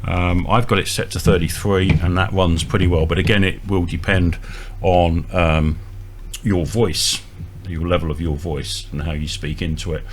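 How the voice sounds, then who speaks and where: This is a man with a low voice, fairly even intonation and a normal pace, hesitantly explaining a hands-on equipment demonstration step by step in an informal way. He's indoors at a small equipment bench, and the recording has audible electrical hum and noise.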